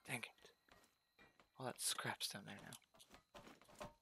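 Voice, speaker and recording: A man's voice: extremely slow, bright, forceful tone, a little hiss or hum. A man casually commenting on his own gameplay, thinking aloud and talking to himself as he plays.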